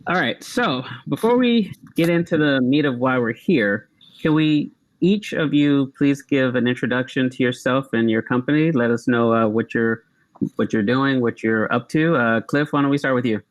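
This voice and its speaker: A man's voice: mid-range voice, normal speed, no echo, low-quality recording. Friendly, chatty male panel moderator. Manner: friendly, chatty, laughs easily.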